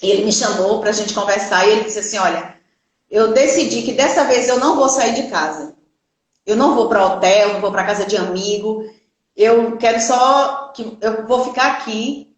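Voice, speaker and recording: A middle-aged Brazilian woman telling a personal church testimony in an earnest, halting way, with many restarts. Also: a little high. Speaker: guest giving a church testimony. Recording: very echoey room.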